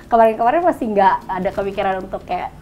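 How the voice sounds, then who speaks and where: A woman in her thirties tells a personal story in a relaxed, chatty way. She talks with lively energy and laughs often along the way. Faint music plays under her voice. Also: medium pitch, fast, lo-fi sound. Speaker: guest.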